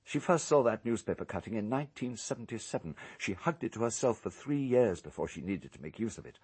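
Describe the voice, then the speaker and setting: A male actor in a radio drama portrays an urbane, calculating English island owner in a low voice with a breathy edge. The tone is smooth and regretful, though his speech remains measured, precise and coolly unrepentant.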